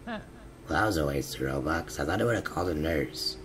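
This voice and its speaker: A man hosting a game role-play, joking loudly and laughing as he plays. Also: extremely low pitch, lively intonation, a little fast, noisy background. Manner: loud, laughing, joking outbursts. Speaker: gamer host.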